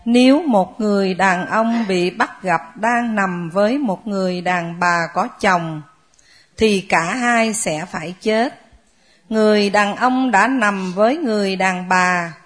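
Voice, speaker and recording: A woman from the class reading a scripture passage aloud, slowly and carefully. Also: mid-range voice.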